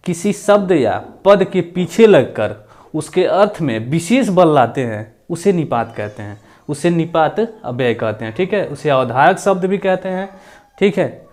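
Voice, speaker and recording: A man teaching a grammar lesson. He repeats example sentences and stresses key words loudly. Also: a little high, expressive, measured pace.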